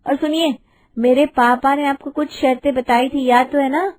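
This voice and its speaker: A woman's voice: sits high, steady tone, normal speed, pitched above the performer's own voice, natural voice, low-quality recording. A woman voicing a witty, defiant young bride in a cartoon story, with cheeky, sassy retorts. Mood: indignant.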